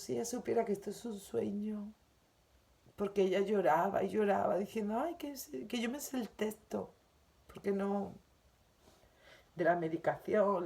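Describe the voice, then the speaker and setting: Una mujer con acento de España que lee y comenta una lección espiritual diaria, con tono suave, sentido y reflexivo. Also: female voice, medium pitch, gravelly, mellow. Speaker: spiritual teacher. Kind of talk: reading and commenting on a daily spiritual lesson.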